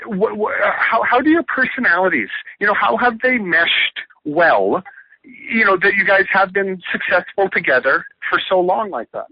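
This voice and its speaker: A man's voice: high voice, animated, moderate pace, no echo. A male reporter asking questions very hesitantly and with stammers on a speakerphone-like press call. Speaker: newspaper reporter. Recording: muffled speakerphone-like phone line.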